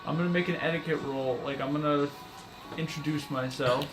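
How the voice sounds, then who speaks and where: A man's voice: fairly high pitch, steady tone, brisk, soft background music, poor audio. A man, a player, explaining his dice rolls hesitantly at a tabletop role-playing game. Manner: hesitant, with fillers and restarts. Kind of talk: tabletop role-play chat.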